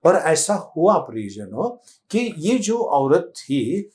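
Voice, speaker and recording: Pastor preaching, a raised voice. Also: male voice, on the high side, very animated, slow, darkish tone. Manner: storytelling sermon, repeatedly addressing the congregation as beloved. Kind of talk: sermon.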